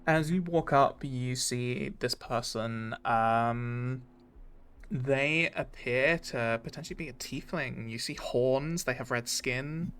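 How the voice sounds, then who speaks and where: A man's voice: medium pitch, slow pace, a bit bright. A man narrating a tabletop game as game master, hesitant with many fillers.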